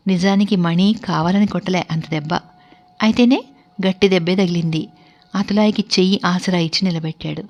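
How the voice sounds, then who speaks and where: Low-voiced woman reading a novel aloud. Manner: expressive, voices the characters. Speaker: narrator. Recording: dull lo-fi recording.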